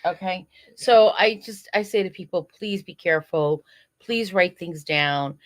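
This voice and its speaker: Earnest woman giving advice, low voice. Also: unhurried. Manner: earnest, advising listeners. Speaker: guest program director. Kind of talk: casual podcast interview.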